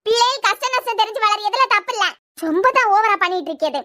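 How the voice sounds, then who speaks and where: Cartoon young wife voiced by a woman, high bright voice, quick and defiant, Kanyakumari accent. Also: animated, no room sound, clean studio sound, full character voice. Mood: sullen. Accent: Kanyakumari Tamil. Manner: low, muttering and defiant. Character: sullen young wife and mother, stubborn. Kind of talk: cartoon serial voice acting.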